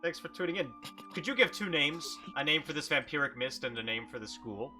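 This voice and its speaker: A man's voice: fairly high pitch, fairly quick, bright, forceful tone. A man working as game master, narrating an improvised tabletop game in a playful, theatrical way. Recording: music playing behind.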